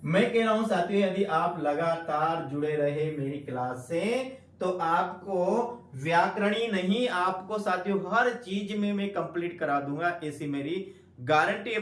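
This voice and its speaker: A man whose voice sits high is recorded on a distant mic, off-mic in an echoey room. He teaches Hindi grammar in an online exam-prep lecture, calling listeners friends, repeating key terms, asking the class questions, and stressing points slowly and deliberately.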